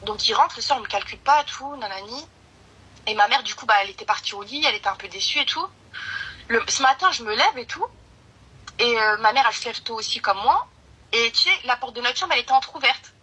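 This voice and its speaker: A young woman rushes through a personal story, piling up slang and restarting her sentences. Her voice is bright and husky, and it sits a little high. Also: animated, rough recording. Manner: rambling, urgent slangy retelling with many restarts. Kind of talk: casual storytime chat.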